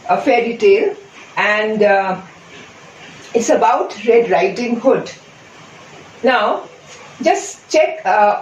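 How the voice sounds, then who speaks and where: A woman gives an English lesson at a slow, deliberate pace, her voice a little high. She repeats and counts out each example patiently. The sound is roomy and distant, as if the mic sits far away. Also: a little mellow, highs cut off, a little hiss or hum. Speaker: English teacher. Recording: echoey room from far off.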